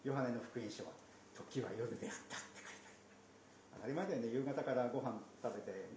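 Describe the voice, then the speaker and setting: A man teaching from the Bible in a conversational way, slipping in playful asides and soft laughs. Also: mid-range voice, fast. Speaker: pastor. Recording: roomy echo, faint background noise.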